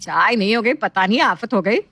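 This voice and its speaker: A woman voicing an older mother-in-law in an animated family story, slow and grumbling. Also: medium pitch, dry recording, natural voice. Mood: scolding.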